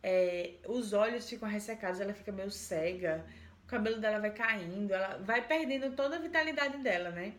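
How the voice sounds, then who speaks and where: A woman's voice: mid-range voice, normal speed, echoey room. A woman retelling a folk tale in a chatty, repetitive way. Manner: chatty, repetitive, with many fillers. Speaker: storyteller.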